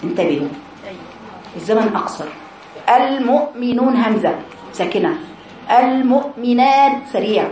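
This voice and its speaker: A woman with an Egyptian accent teaching a tajweed lesson to her female students, explaining rules and reciting words slowly with long drawn vowels. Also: fairly high pitch, echoey room, rough recording. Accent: Egyptian Arabic.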